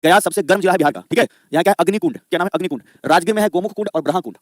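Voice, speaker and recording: A man's voice: high voice, racing, no echo, clean studio sound. A man teaching a live online exam-prep class, drilling students with repeated questions and answers.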